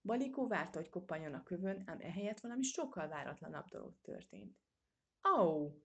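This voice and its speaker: A woman reading a children's storybook aloud in a steady, measured way. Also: lowish voice, husky, dull audio. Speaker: audiobook reader. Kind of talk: storybook narration.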